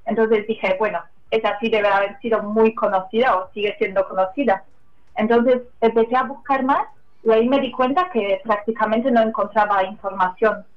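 A woman answers interview questions in a casual, hesitant way, often pausing and adding little tag questions. Her voice sits a bit high. The audio is dull and lo-fi, as if it came over a remote line. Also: fairly even intonation. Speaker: translator, interview guest.

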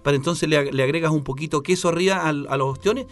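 A man's voice: on the high side, fast. A man with a Chilean Spanish accent hosting a casual radio chat, playful and given to repeating his phrases. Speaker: radio host.

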